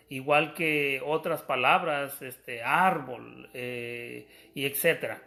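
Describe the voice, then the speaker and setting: A man's voice: fairly high pitch, fairly bright tone. A man preaching a sermon, explaining scripture step by step, calling his listeners brothers and often restarting his sentences.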